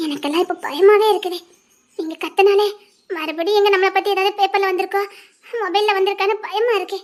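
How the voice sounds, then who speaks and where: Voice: very high-pitched, fairly even intonation, fast. A performer voicing an anxious young wife and former medical student with a Tirunelveli Tamil accent in a dubbed family drama, speaking with worry and earnestness. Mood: worried. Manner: worried, earnest, talking plainly about past hurt.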